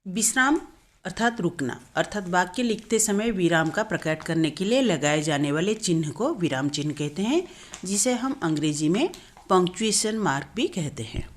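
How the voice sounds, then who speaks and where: A woman's voice: lowish voice, animated, moderate pace. A woman teaching a Hindi grammar lesson, explaining step by step and often correcting herself.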